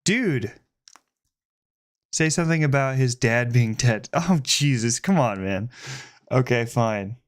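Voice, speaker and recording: A man's voice: medium pitch, animated, slow pace, pauses often. A man casually chatting on a live stream, joking around, laughing often and swearing freely. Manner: giggly, joking banter with crude language.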